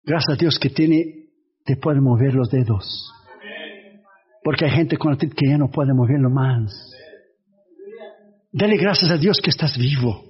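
A man preaching a sermon as a pastor, telling animated stories and imitating sounds. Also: medium pitch, a little slow, pauses often, slightly rough, highs cut off.

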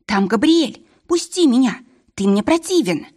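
A woman reading an audiobook and voicing a panicked young woman who cries out in shrill, pleading bursts. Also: very animated, unhurried, a little mellow. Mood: frantic pleading.

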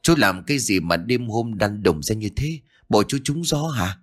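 A frightened young village wife, as a male storyteller puts her on in a raised voice, anxious and quick to snap, with lively rises and falls. Faint music plays under the ghost story. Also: on the low side. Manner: anxious, snappish questioning.

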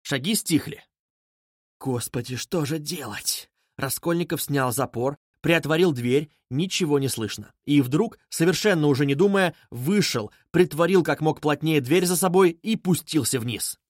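A man narrating a classic novel aloud in a dramatic, expressive style. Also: fairly high pitch, normal speed, hardly any pauses, no room sound, studio quality. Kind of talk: literary audiobook narration.

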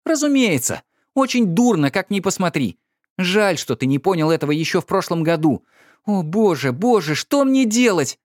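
A man reading an audiobook, voicing an irritable, distraught young noblewoman with sharp, exasperated outbursts. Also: fairly high pitch, expressive, normal speed, dry recording, studio quality, voice pushed up, lightly acted.

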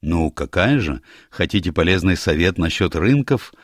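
A man's voice: lively intonation, normal speed, no room sound, clean studio sound. A man voicing a wealthy, businesslike middle-aged financier in a read-aloud story. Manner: businesslike, low-voiced.

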